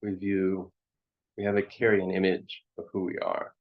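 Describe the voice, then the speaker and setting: This deep, monotone male voice belongs to a teacher guiding a meditation. He sounds contemplative, pausing at length between short, halting phrases, and the audio is dull and muffled.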